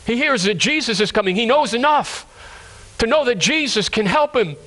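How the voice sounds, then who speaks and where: A man preaching with a high, ringing voice. He works up to fervent, pleading cries, then sinks into slow, quiet stretches, stumbling over and repeating words as he goes. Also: lively intonation. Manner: impassioned, rising to high cries then dropping low and slow. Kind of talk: sermon.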